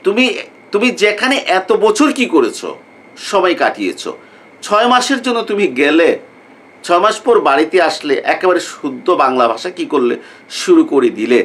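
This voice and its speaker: With a high, sing-song and somewhat bright voice, a Bangladeshi economics lecturer chats informally with his students. He repeats himself, asks rhetorical questions, and fills gaps mid-sentence with a questioning "what" before completing the idea.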